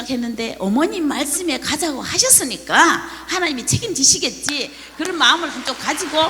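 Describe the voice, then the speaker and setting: Older lady telling her testimony, pitch bouncing all over, highish voice. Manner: animated, heartfelt storytelling with laughs. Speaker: pastor's wife giving testimony. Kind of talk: church testimony. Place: large worship hall. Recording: long hall reverb.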